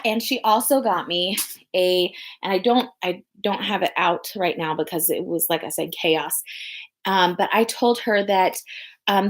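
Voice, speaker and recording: A young adult woman hosting a podcast in casual chat, rambling with many pauses and restarts. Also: on the low side. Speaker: podcast host.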